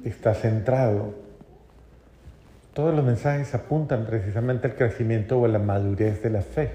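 A man preaching a homily at mass, telling a story that rises to loud emphatic peaks and drops to soft, low phrases. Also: normal speed, a little hiss or hum. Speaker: priest. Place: church.

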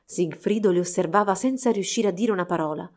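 A woman's voice: lowish voice, fairly quick. Woman narrating a fairy tale. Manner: steady, expressive reading. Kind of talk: storybook narration.

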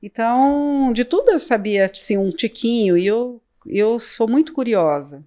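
A woman's voice: fairly high pitch, lively intonation, a little slow, mellow. A woman in her late fifties with a Brazilian accent from the São Paulo interior, a business owner telling her story as a podcast guest, chatty and repeating words as she acts out old conversations. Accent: Brazilian Portuguese, São Paulo interior. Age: 50s. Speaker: real estate agency owner, podcast guest.

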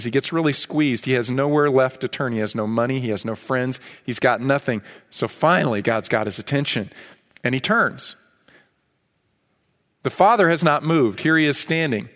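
A man's voice: medium pitch, a bit bright, in a large hall. A man preaching a sermon as pastor, emphatic and driving points home by repeating key phrases. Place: church sanctuary.

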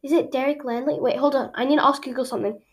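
High-voiced female podcast host, chatty and rambling, casual home setup. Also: steady tone, rapid-fire. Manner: rambling, chatty, with frequent self-corrections. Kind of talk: casual solo podcast chat. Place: home room.

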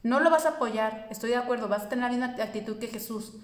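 A woman's voice: fairly high pitch, fast, reverberant. A woman, teaching a spiritual course in an earnest, reassuring way, speaking directly to her listeners.

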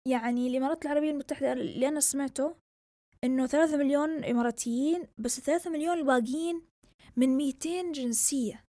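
Speaking very fast in a high-pitched, dark voice, a young woman from southern Yemen rambles casually through her one-person podcast. She alternates Arabic and English, her accent a Yemeni–Saudi Gulf mix, and the recording has no room sound.

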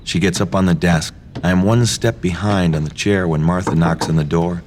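A man narrating a first-person story in a low, hushed, intimate reading. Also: steady tone, normal speed, noisy background. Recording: faint music behind.

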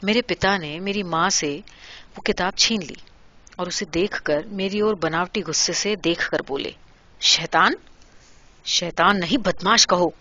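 A woman reading a literary story aloud in a measured, quiet way. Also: fairly low pitch, dull audio.

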